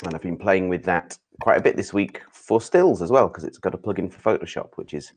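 A man with a low voice and an English accent chats as co-host. His delivery is that of a casual livestream conversation. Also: a little fast, darkish tone, a little hiss or hum. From Lake District, England.

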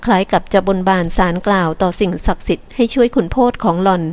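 A woman reads a novel aloud as audiobook narration. Her delivery is steady and measured, at a middling pitch for a woman. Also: smooth.

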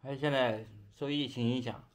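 Speaking at a moderate pace with a steady, medium-pitched voice, a young adult man from China chats while eating for his vlog. He's in a small indoor bedroom, talking with his mouth full and chewing between phrases.

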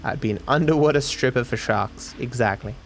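Faint music plays behind a video game streamer with an Australian accent who talks a little fast in a mid-range voice. He chats casually with his live stream during gameplay, joking dryly and sarcastically.

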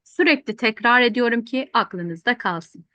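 Over a dry, dull-sounding recording, a woman with a slightly high, sharp voice teaches the rules of Quranic recitation online at a moderate pace. Patient in her explanations, she repeats rules frequently and answers her own questions.

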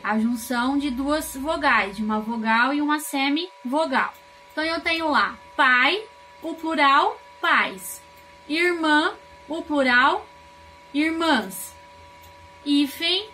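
A woman from Brazil, a teacher, giving a recorded grammar lesson and explaining slowly with rhetorical questions. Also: high-pitched, a bit bright, a little hiss or hum.

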